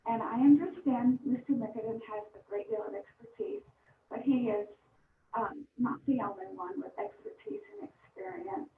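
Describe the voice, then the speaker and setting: A woman calling in to a public meeting, speaking with passionate insistence and sharp rises on key points. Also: a little high, big pitch swings, normal speed, slight background noise. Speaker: caller giving public comment. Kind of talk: phoned-in public comment. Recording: tinny speakerphone line, echoey and distant.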